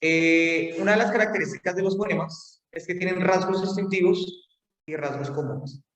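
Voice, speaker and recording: A man's voice: high-pitched, moderate pace, fairly bright tone. Man lecturing in an echoey hall. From Colombia. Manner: explanatory, with frequent fillers and check-ins. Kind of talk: university phonetics lecture. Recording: roomy hall, mic far off.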